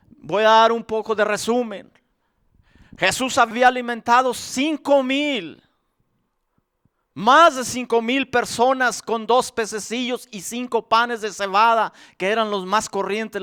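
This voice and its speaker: A male pastor preaching a sermon in a slow, emphatic way, repeating his phrases for weight. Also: very high-pitched, fairly bright tone, clean tone, dry recording, studio quality.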